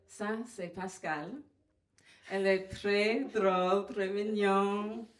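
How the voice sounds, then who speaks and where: A woman from Trinidad and Tobago with a Trinidadian accent, performing stand-up comedy in a halting way with many fillers. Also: mid-range voice, fairly even intonation. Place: comedy venue. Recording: roomy live venue sound.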